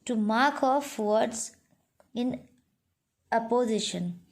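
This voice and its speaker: A woman's voice: a little high, takes it slowly. A middle-aged woman with an Indian English accent, teaching a grammar lesson online to children, patient and repetitive with frequent "you know" and "right?".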